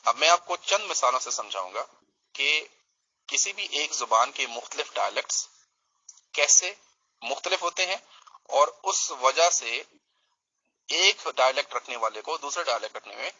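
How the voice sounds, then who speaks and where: A man's voice: medium pitch, animated, pauses often, bright, forceful tone, poor audio. A man from Pakistan, explaining his case in a religious debate in a teaching manner and checking in with his listener.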